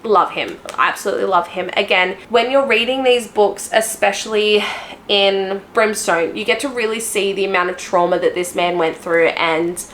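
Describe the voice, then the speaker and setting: A woman's voice: medium pitch, steady tone, moderate pace, fairly bright tone, a little hiss or hum. A woman book vlogger chatting casually to her viewers, gushing and rambling with frequent restarts.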